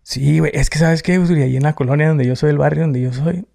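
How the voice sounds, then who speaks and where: A man's voice: a little high, fast, vocal fry, dark tone. A man from Tijuana with a northern Mexican accent, chatting casually and in colloquial slang as a YouTuber being interviewed. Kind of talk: casual chat.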